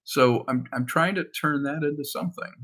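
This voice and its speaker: A film director and screenwriter with a fairly high, slightly bright voice speaks at normal speed in a casual project update. He wanders from anecdote to anecdote and acts out the dialogue he quotes.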